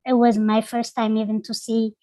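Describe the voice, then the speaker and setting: A young woman from Ethiopia, a guest on an interview podcast, telling her life story in an earnest, halting way, with many fillers. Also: a little high, completely flat delivery, mellow, no echo, low-quality recording. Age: young adult. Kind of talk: personal storytelling.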